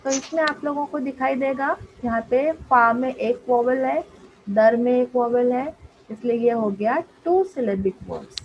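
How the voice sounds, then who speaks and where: A woman teaching an English class, explaining slowly and often checking that her pupils follow. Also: a little high, lo-fi sound, slight background noise. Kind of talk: online class lesson in Hindi and English.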